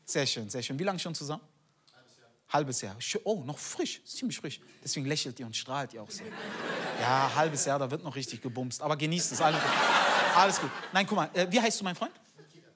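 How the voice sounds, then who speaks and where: A man's voice: fairly high pitch, lively intonation, a little fast. A male stand-up comedian, teasing the audience in brash, slangy crowd work. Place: stage in front of a live audience. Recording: live club audience laughter and noise.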